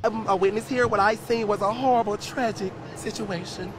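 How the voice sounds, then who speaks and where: A man's voice: sits high, fairly even intonation, fairly quick, noisy background. A man giving a theatrical, colloquial eyewitness account in a street interview. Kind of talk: dramatic street interview storytelling.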